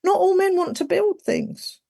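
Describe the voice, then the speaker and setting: A woman's voice: extremely high pitch, fairly even intonation, measured pace, gravelly, warm tone. A woman, chatting casually as a podcast guest, full of "like" and "you know". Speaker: guest, executive coach.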